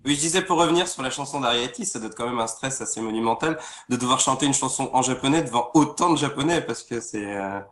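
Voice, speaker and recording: A man's voice: medium pitch, fast, hardly any pauses, a bit bright, roomy sound. A man co-hosting a casual chat, trailing off as he talks. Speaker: co-host.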